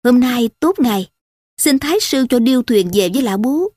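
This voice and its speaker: A woman's voice: fairly high pitch, lively intonation, moderate pace, darkish tone, no room sound. Woman voicing a male court adviser, imploring, deferential, dry close sound.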